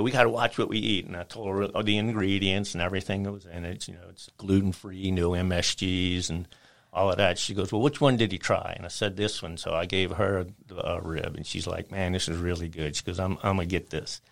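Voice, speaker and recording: Man, very low voice, podcast guest, animated storyteller who acts out the people in his stories. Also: vocal fry. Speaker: guest, spice rub maker. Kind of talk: casual storytelling chat.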